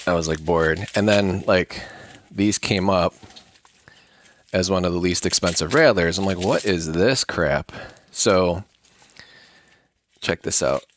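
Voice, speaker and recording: A man's voice: sits low, steady tone, a little slow, long pauses, a little hiss or hum. A man talking casually to camera as he unboxes his mail, rambling and thinking aloud with lots of fillers. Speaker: coin collecting vlogger.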